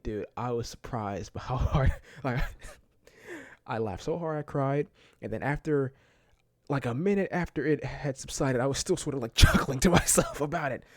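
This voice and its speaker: A man's voice: medium pitch, darkish tone, no room sound, studio quality. A man giving a casual movie review, enthusiastic and rambling, laughing often and filling his talk with casual fillers. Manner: filler-heavy, keeps saying "like" and "man".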